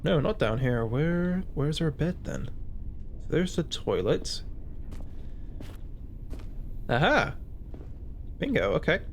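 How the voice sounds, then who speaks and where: A man's voice: fairly high pitch, big pitch swings, slow, pauses often, slight background noise. A man giving casual gameplay commentary, narrating his own actions and thinking aloud as he plays. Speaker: gaming video host.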